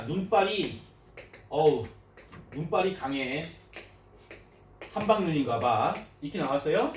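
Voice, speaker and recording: High-pitched guy teaching class, keeps checking if students get it, echoey room, mic a bit far off. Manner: checks in often with short questions to students; mixes polite and casual speech, calls students 얘들아. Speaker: Korean language teacher. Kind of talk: classroom lecture. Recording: echoey room, mic at a distance, faint noise.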